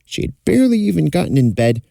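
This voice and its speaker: A man's voice: a little high, sing-song, fast talker, gravelly, warm tone, dry recording. A man telling a folktale in a fireside storytelling style, as narrator. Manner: acts out characters' dialogue.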